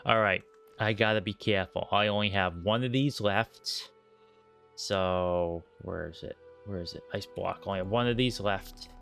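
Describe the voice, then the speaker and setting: A man gives casual commentary as he streams a game, often muttering along to himself. His voice sits fairly low, with soft music behind it. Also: normal speed, creaky. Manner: rambling, talking to himself.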